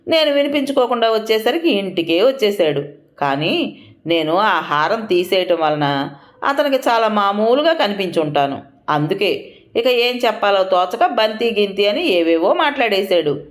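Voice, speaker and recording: A woman's voice: mid-range voice, close to an everyday voice. A woman voicing a playful, teasing young woman who is a daughter in the story. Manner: lively and teasing.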